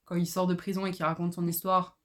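A woman's voice: on the low side, level tone, fast. A young woman co-hosting a casual podcast, talking enthusiastically with lots of fillers. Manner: enthusiastic, gushing, many fillers. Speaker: podcast co-host. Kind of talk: casual chat about books.

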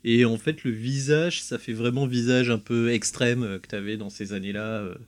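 Male panelist, average pitch, casual conversational delivery. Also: fairly even intonation, normal speed. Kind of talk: casual chat.

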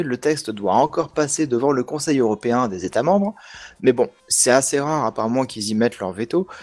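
A man's voice: medium pitch, darkish tone. A man hosting a casual tech podcast chat, explaining news in a hesitant way with many restarts and fillers. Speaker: podcast host.

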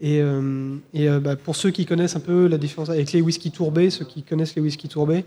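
A man's voice: fairly high pitch, fairly even intonation, quick pace, mellow. A man, co-hosting a live podcast and presenting whiskies in a hesitant, casual way, full of fillers and restarts. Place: live event recording.

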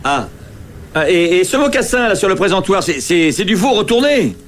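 A man's voice: high voice, big pitch swings, normal speed, a little hiss or hum. An actor playing a timid, polite male shopper in a film comedy, hesitant and stammering.

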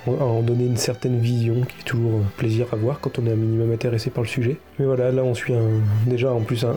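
A man's voice: medium pitch, dark tone. A man giving a casual, off-the-cuff film review, often repeating words as he searches for his phrasing.

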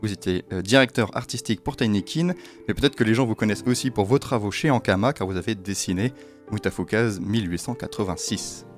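A man's voice: lowish voice, brisk, faint music behind. A man hosting a game development podcast, chatting in a friendly, hesitant way with many fillers. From France. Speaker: podcast host. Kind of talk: conversational interview.

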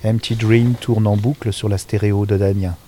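A man with a low, mellow voice reads a novel aloud in a calm, intimate way. His phrases often sink into a hushed finish. Faint birdsong and insects murmur behind him outdoors. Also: moderate pace, a little hiss or hum. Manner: calm, intimate narration with soft, quiet trailing endings. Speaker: reader. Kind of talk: audiobook-style reading of a novel. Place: outdoors in nature.

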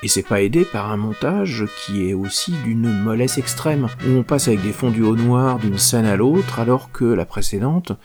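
A man's voice: medium pitch, expressive, moderate pace, few pauses, music in the background. A man giving a comic spoken film review in a sardonic, exasperated manner.

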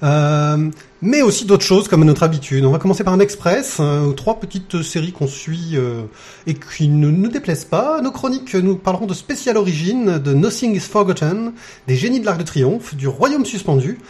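A man's voice: high-pitched, animated, normal speed, darkish tone. A man hosting a casual comics podcast, joking often and talking with many hesitations. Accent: non-native accent, mocked by cohosts. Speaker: podcast host.

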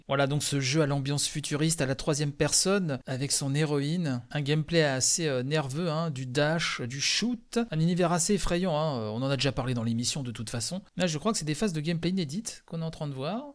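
Male host, somewhat high voice, casual live reaction commentary, rambling with fillers. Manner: chatty, hesitant, many fillers.

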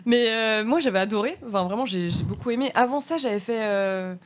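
A woman's voice: on the high side, a little fast, slight background noise. A woman from France talking casually as a guest on a chat show, laughing often and trailing off with fillers.

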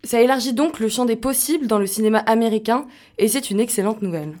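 A young woman reading a scripted culture and sport segment in a lively, conversational way. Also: fairly high pitch, fast. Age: young adult.

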